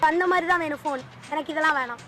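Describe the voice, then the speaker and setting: A woman in a comic street skit, loudly scolding and demanding a new phone. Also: high voice, rapid-fire. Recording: loud music behind.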